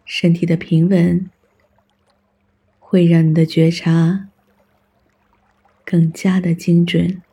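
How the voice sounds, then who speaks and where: Casting: calm guided-meditation narrator, soft mellow tone, very even and level pitch, unhurried scripted instructions with generous pauses. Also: breathy edge. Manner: calm, soothing, instructional delivery with long pauses.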